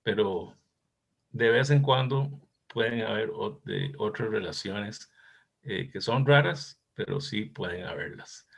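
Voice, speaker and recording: Man, 60s, cardiologist in a seminar: slow, husky, lower voice, hesitant and reflective. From Costa Rica. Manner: thoughtful, reminiscing, hesitant. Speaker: cardiologist discussing a case presentation. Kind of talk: academic case discussion.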